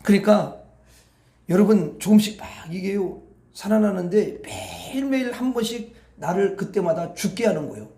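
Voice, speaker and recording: At an evening prayer meeting, a male pastor addresses the congregation in a colloquial, conversational way, often posing rhetorical questions. His voice sits high with a dark tone and a normal pace. The room is echoey.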